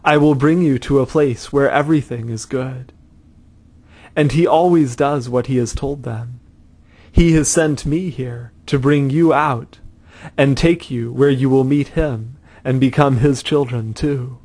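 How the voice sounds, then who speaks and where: A man voicing an earnest, tender man who rescues children, read calmly and sincerely in his own voice. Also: mid-range voice, measured pace.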